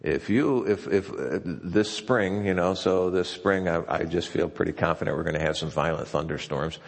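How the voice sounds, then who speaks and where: A man's voice: deep voice, moderate pace, gravelly. A man preaching a sermon in a loose, conversational way, often restarting his sentences. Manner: conversational and folksy, with frequent restarts. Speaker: pastor. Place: church sanctuary. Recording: long hall reverb.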